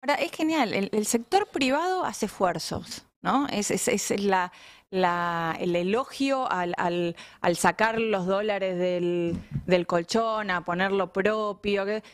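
A woman with an Argentine accent making quick, sarcastic remarks on a political panel. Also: mid-range voice. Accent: Argentine Spanish.

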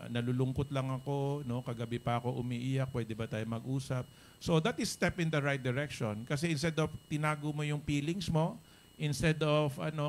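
A man's voice: medium pitch, slight background noise. A man giving a motivational talk to his business members, mixing in rhetorical "no?" and "right?" asides. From Philippines. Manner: animated, code-switching, rhetorical "no?" and "tama?" asides. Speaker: business leader speaking to members.

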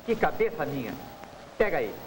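Young Brazilian charmer: breezy, animated pitch, vintage film dialogue with background noise. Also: male voice, normal speed. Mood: cocky, teasing. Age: young adult. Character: cocky, teasing young charmer, a breezy malandro. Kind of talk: 1950s film dialogue acting. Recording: noisy old film soundtrack.

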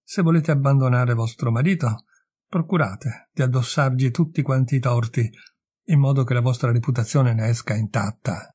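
A man's voice: mid-range voice, moderate pace, dark tone, slightly rough, close to an everyday voice. A man reading an audiobook, voicing a prudent lover who earnestly urges a young woman to be reasonable. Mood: persuasive. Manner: earnest, persuasive. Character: cautious man urging his lover to reason.

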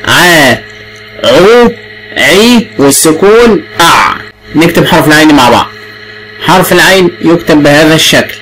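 A man's voice: a little high, expressive, fairly bright tone, slight background noise, rough recording. A man with an Egyptian accent teaching the alphabet to young children, drawing out sounds and prompting patiently. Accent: Egyptian Arabic. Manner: patient, drawn-out and repetitive prompting.

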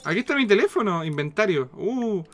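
Chilean male game streamer: sharp, fairly high voice, sweary casual commentary, faint music behind. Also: brisk. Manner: foul-mouthed, slangy, excitable. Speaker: live streamer playing a video game.

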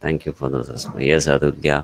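A man's voice: rumbling low, steady tone, very slow. A man with a Malayali accent teaching English grammar in an online class, switching between Malayalam and English and calling on students by name.

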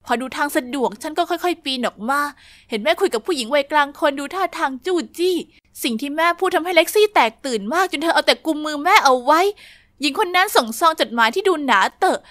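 A woman with a high voice narrates a dramatic animated story in the first person. Her delivery is scripted and expressive, recorded dry and close with no room sound. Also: quick pace, no room sound.

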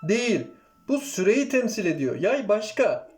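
A man's voice: sits high, big pitch swings, a little slow, a little mellow. A man teaching a music lesson, counting beats aloud and checking in with his students. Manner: counts beats and sings note names aloud; addresses students directly, checks "okay?". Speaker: kemenche teacher.

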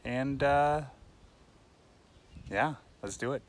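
This casual selfie vlog features a man in his thirties hiking outdoors along a wooded mountain trail, phone held out at arm's length. He speaks very slowly at a medium pitch. Reflective and chatty, he leans on frequent "uh" fillers.

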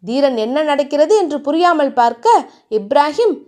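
A young woman reads a novel aloud with a high, clear voice. Her storybook narration is steady and dramatic. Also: normal speed.

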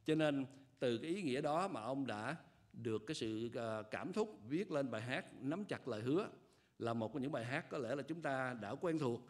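An older man delivers a sermon from a church pulpit into a pulpit microphone. His delivery is measured and earnest, with frequent hesitation fillers as he explains each point. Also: medium pitch, lively intonation. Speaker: pastor.

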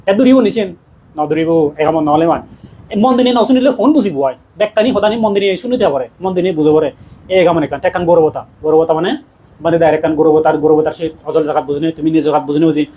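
A man, a Buddhist monk, giving a dhamma talk in a quick, conversational preaching manner with laughs. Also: a little high, warm tone, a little hiss or hum.

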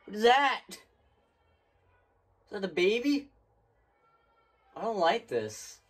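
A husky-voiced man narrates a horror game as he plays, jittery and talking straight to the screen. His pitch swings a lot while he talks, and he sits a bit back from the mic. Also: big pitch swings, slow, far from the mic. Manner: jumpy, nervous, talks to the game, dares it to scare him. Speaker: gaming streamer. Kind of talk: horror game let's-play commentary.

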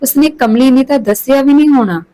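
A woman's voice: high-pitched, fairly quick, warm tone, natural voice, low-quality recording. A woman doing a lovesick, worried young man. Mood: pleading.

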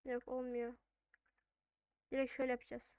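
A woman's voice: on the high side, completely flat delivery, normal speed, a little mellow, clear, resonant tone, dry recording, clean studio sound. A woman giving casual gameplay commentary, thinking aloud in an informal way as she plays. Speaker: gaming video host.

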